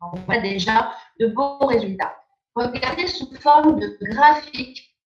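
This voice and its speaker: Woman pitching persuasively over a dull video call. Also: lively intonation, unhurried, roomy sound. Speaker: presenter. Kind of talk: online sales presentation.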